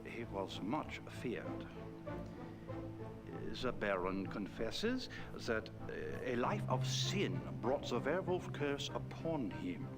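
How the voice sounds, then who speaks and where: Grave old-world storyteller in a point-and-click game, slow and swooping, music under it. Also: male voice, mid-range voice, big pitch swings. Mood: solemn. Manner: measured, solemn storytelling. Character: grave man recounting a werewolf legend. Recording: game audio with music behind.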